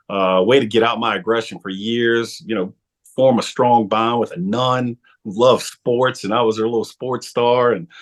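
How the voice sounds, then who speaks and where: A man in his forties, a former football player, telling his story as a podcast guest, animated, laughing often and restarting his sentences. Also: mid-range voice. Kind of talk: storytelling interview talk.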